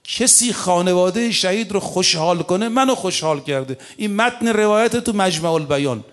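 A man's voice: high voice, animated. Man preaching a storytelling sermon. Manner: recites Arabic verses slowly, then tells stories in fast colloquial Persian.

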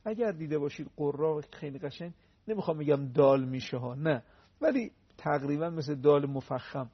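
A man explaining the pronunciation of Quran recitation on a TV talk show, earnest, with slow recited examples. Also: on the high side, expressive, husky, muffled recording. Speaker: religious guest teaching Quran recitation.

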